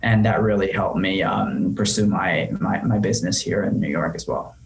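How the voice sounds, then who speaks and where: A man's voice: low-pitched, normal speed, low-quality recording. Man telling his story, full of ums. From Japan. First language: Japanese. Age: 30s. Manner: thoughtful, with frequent ums and restarts. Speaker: entrepreneur guest. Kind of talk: casual conversational storytelling.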